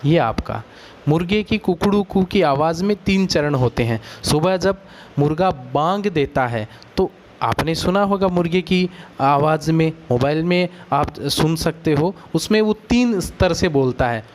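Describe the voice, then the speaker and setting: A man teaching a Sanskrit grammar lesson, explaining patiently and stretching out vowel sounds to demonstrate them. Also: fairly high pitch. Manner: patient, drawn-out, demonstrates vowel lengths aloud.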